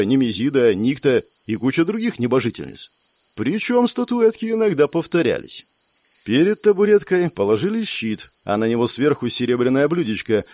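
A man narrating an audiobook in expressive storytelling style. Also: mid-range voice.

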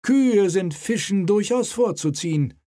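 A man's voice: high voice, lively intonation, a little slow, mellow, pitched above the performer's own voice. A male reader voicing a smug, self-satisfied dike inspector who explains things at leisure.

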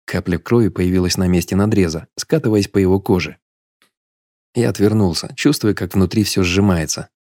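A man narrating an audiobook in a steady, measured storytelling manner. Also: deep voice, no room sound, studio quality.

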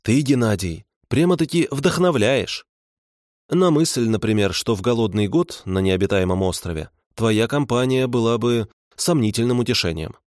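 A man's voice: mid-range voice, normal speed, darkish tone, no echo, studio quality, lightly acted. A man voicing a prissy, sardonic middle-aged swindler who speaks through clenched teeth. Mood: sneering, sardonic.

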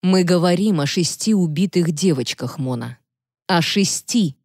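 A woman reading the lines of a serious male defense lawyer in an audiobook, firm and measured. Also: on the low side, animated, darkish tone, no echo, studio quality. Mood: grave.

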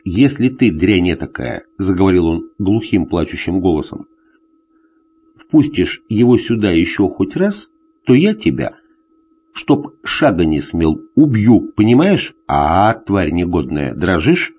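A man puts on a tipsy, jealous husband, bullying and full of threats, his low voice hollow and tearful and swinging wildly in pitch. The sound is a dull, lo-fi audiobook recording. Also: sing-song, a little slow, darkish tone, a little hiss or hum. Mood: enraged. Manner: hoarse tearful bullying rants. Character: drunk jealous husband, middle-aged, bullying.

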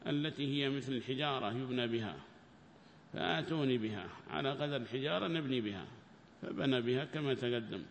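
A man giving a Quran commentary lesson who explains slowly, repeats his phrases and puts questions to his listeners. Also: mid-range voice, big-room sound, slight background noise. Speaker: Quran teacher.

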